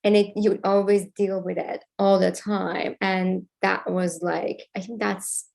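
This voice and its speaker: A woman from Iran with an Iranian accent, a filmmaker guest talking in a thoughtful, halting way with many fillers. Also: mid-range voice, level tone, gravelly, darkish tone. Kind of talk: casual interview.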